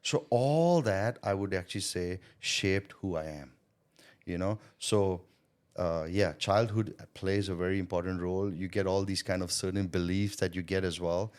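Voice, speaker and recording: Deep-voiced earnest male interview guest. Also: normal speed, a little mellow. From born in Thailand, schooled in India. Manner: earnest, reflective, frequent "right?" and "you know". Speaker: guest, sales coach and business owner. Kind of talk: interview conversation.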